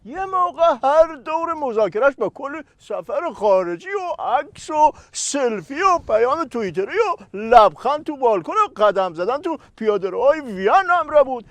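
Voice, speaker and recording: A man plays the host in a scripted political satire, throwing playful, needling questions at his guest. His voice is very high and swings widely in pitch. The sound is close and dry. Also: big pitch swings, hardly any pauses, dry recording.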